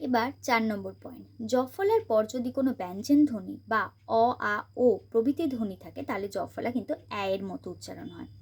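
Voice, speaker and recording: A woman hosting her own channel, teaching a spoken grammar lesson, explaining step by step and slowly repeating example words. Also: on the high side, lively intonation, creaky, husky.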